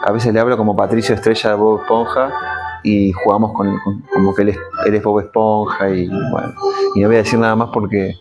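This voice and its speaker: A man with a Rioplatense Spanish accent talks in a low, unhurried register as an interview guest. He muses and wanders between thoughts, leaning on "¿viste?" to keep the listener with him. Soft music plays faintly underneath. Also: level tone. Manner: reflective, meandering, peppers speech with "¿viste?". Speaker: guest artist. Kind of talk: casual interview chat.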